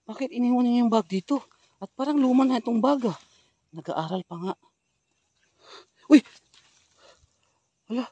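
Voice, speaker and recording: A man from the Philippines vlogging a ghost hunt outdoors in a rural wooded spot, switching between loud calls and low hushed murmurs. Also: animated, a little fast, no echo, highs cut off. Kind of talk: hushed exploring vlog commentary.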